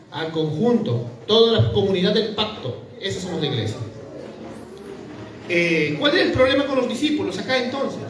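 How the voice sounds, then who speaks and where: A man's voice: sits high, a bit bright. A man, preaching a sermon in a conversational way, full of rhetorical questions. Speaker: pastor. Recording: echoey room from far off, with a crowd.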